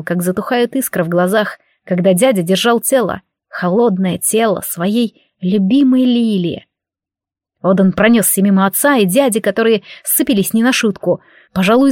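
A woman's voice: medium pitch, a little mellow, dry recording, clean studio sound. A woman reading a fantasy novel aloud as an audiobook narrator. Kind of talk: scripted narration.

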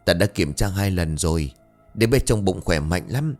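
A man voicing an old village healer who speaks low, soft and pitying. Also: animated, moderate pace, faint music behind.

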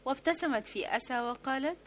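A woman narrates a literary novel as an audiobook, her voice sitting a little high. She reads in a measured, steady manner, with a faint hum underneath. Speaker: audiobook reader.

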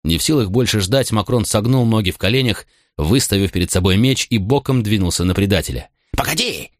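A man narrating an audiobook in a dramatic, expressive reading. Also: on the low side, a little fast, no echo, studio quality.

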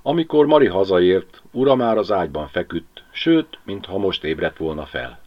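A man's voice: low-pitched, big pitch swings. A man narrating a novel as an audiobook, reading expressively. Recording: lo-fi home audiobook recording.

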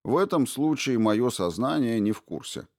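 A man voicing an evasive male fund official who answers questioning with indignant, smooth denials. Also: medium pitch, expressive, moderate pace, a little mellow, no room sound, studio quality, natural voice. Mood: defensive.

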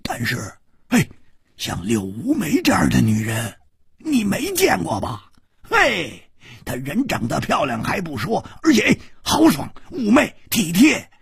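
A man's voice: high voice, a little slow, gravelly, husky, no echo, studio quality, pitched above the performer's own voice, full character voice. A man doing a boisterous, rowdy swordsman. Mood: excited. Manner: loud, exclaiming, animated. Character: boisterous hot-headed male swordsman.

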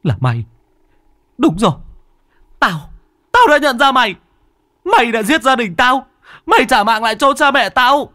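A man voicing a terrified, desperate young boy in a horror story, with shrill screaming cries. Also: sing-song, normal speed, pauses often, pushed and bright, dry recording, studio quality, exaggerated voice. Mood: furious.

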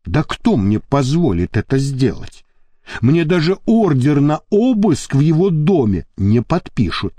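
A wary police captain, read by a male narrator in an audiobook. He questions earnestly, his voice rising and falling widely, mellow and close to the mic. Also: on the high side, very animated, measured pace, dry recording. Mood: skeptical. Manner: skeptical, earnest.

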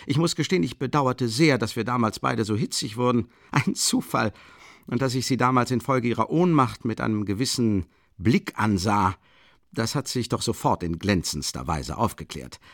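A man's voice: mid-range voice, very animated, normal speed, vocal fry, no echo, clean studio sound, voice pushed up. A man voicing a jovial, chatty middle-aged police lieutenant in an audiobook, effusive and rambling, stumbling over his words. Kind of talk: audiobook character reading.

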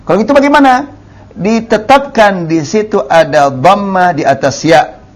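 Teaching Arabic grammar in a classroom, a man with an Indonesian accent speaks at a moderate pace in a high, expressive voice. His manner is patient, with repeated key terms and drawn-out model words.

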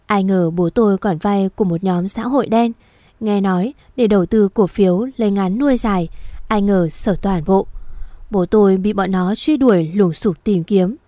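Dark-toned woman narrating a somber story. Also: mid-range voice, normal speed, no echo. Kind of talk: scripted first-person story narration.

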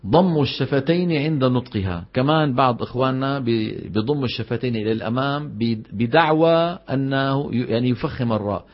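A man's voice: mid-range voice, a little fast. A man teaching Quran recitation in a classroom lesson, acting out right and wrong pronunciations and quizzing his students. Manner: demonstrates correct and faulty pronunciations, quizzes students. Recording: dull lo-fi lecture recording.

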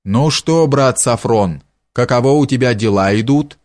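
A man's voice: mid-range voice, unhurried, a little mellow, dry recording, clean studio sound, natural voice. A man voicing a smug, condescending male landowner who speaks in an affable, patronizing way.

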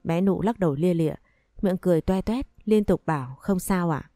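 A woman reads a first-person story aloud at a steady, even pace. Her voice sits a little low and sounds warm and soft rather than bright. The recording is close and dry, with no room sound around her. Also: moderate pace, no echo, soft background music. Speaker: narrator.

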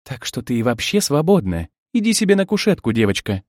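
A man voicing a sharp-tongued, self-assured young woman who mocks her rivals. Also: mid-range voice, very animated, a little fast, no echo, clean studio sound. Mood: mocking, cocky. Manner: mocking, cocky, cutting. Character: sharp-tongued young woman bride, orphanage-raised, mocking.

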